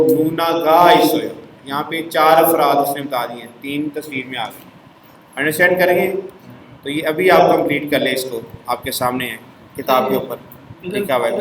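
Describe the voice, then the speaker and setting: A man's voice: on the high side, reverberant, slight background noise, low-quality recording. A man teaching a language lesson step by step, asking his class to repeat words back.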